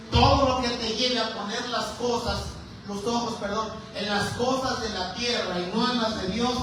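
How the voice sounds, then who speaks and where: Animated Mexican preacher in an echoey hall. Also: male voice, high-pitched. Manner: animated, conversational, leads call-and-response. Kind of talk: sermon. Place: church hall. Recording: echoey hall, distant mic, background noise.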